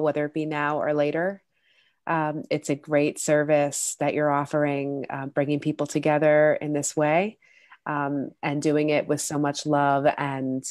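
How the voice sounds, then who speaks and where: A woman guest on a video call, nasal and congested from illness, talking slowly and reflectively about spiritual matters. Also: low voice, dry recording, clean studio sound. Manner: slow, reflective, soft-spoken. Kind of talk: spiritual talk in an interview.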